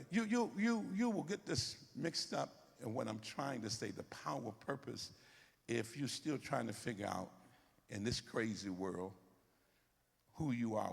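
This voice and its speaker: A man preaching a sermon, animated and repetitive, calling out to the congregation to respond. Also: lowish voice, unhurried, vocal fry, slightly rough, big-room sound.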